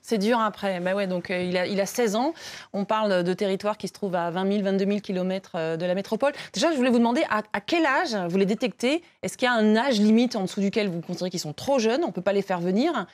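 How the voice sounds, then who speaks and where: A woman hosting a talk show, asking probing questions and summing up what her guests say. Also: mid-range voice. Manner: quick, probing, sums up guests' points. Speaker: radio show host. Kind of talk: conversational studio talk show.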